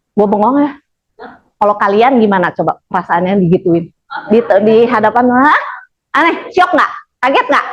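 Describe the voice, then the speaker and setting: A woman's voice: on the high side, highs cut off. A woman telling a story to a group in casual with a tinge, blunt and chatty, acting out what people said and laughing along. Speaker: storyteller addressing an audience.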